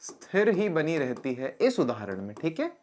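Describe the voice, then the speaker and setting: A man's voice: a little high, wildly swooping pitch, moderate pace, darkish tone, slight background noise. A man teaching a science lesson on video in a chatty way, often putting questions to his students. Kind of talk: classroom lecture video.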